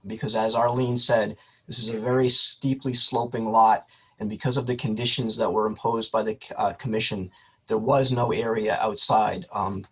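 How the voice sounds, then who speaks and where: A man, a lawyer for an applicant, speaking over a landline phone in a measured, orderly way with frequent ums, giving a formal statement to a board. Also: mid-range voice, fairly bright tone, slightly rough. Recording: muffled lo-fi phone line.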